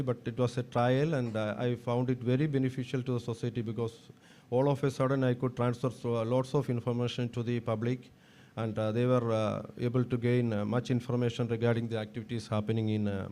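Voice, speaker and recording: Subdued, sore-throated Indian man, dark voice. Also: medium pitch, level tone. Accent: Indian, Kerala. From Kerala, India. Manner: formal, halting with repeated words. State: sore throat, unable to speak loudly. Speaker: guest speaker, veterinarian. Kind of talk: prepared motivational research talk.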